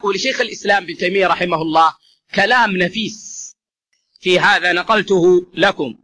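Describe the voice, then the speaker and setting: A man's voice: high-pitched, fairly quick, bright, forceful tone. A man giving an explanatory religious lesson, addressing listeners as brothers and repeating key phrases for emphasis. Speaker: religious teacher.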